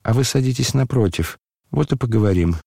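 A man reading an audiobook voices a frail dying young man, hoarse, quiet and tired, almost whispering. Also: mid-range voice, animated, brisk, no room sound, clean studio sound. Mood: quiet, weary.

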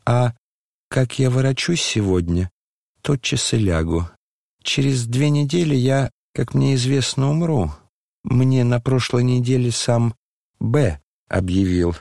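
A man doing a hoarse dying young man. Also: mid-range voice, a little slow, no echo, clean studio sound, pitched above the performer's own voice. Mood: quiet, weary. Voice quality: hoarse, near whisper. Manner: quiet, calm, tired. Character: dying young man, frail, quietly ironic.

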